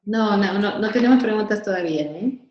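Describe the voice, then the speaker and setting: A woman's voice: medium pitch, brisk, darkish tone, roomy sound, lo-fi sound, slight background noise. A woman from Honduras, moderating an online webinar in a chatty way, with many fillers and repeated words.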